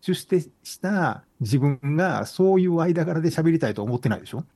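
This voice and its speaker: Dude talking quick and teasing, dark husky voice. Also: male voice, a little high, lively intonation. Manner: teasing, blunt retorts. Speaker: podcast co-host. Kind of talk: casual chat.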